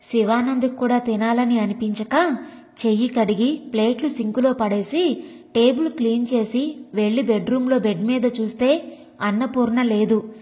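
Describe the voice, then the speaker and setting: A woman narrating a family story in a steady, expressive reading voice, recorded with long room reverb. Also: a little high, moderate pace.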